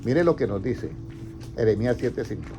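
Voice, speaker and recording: A man's voice: medium pitch, animated, normal speed, mellow, faint music behind. A man, preaching as a pastor. He keeps asking his congregation questions and then answering them himself. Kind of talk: interactive sermon. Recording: slightly dull, faint background noise.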